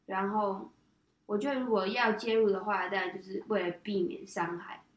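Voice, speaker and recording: A woman guest in a casual chat, speaking calmly and matter-of-factly. She sits well back from the microphone, so her voice carries a roomy echo and a slightly dull, muffled tone. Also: medium pitch, normal speed, recorded from a distance. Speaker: guest, the host's daughter.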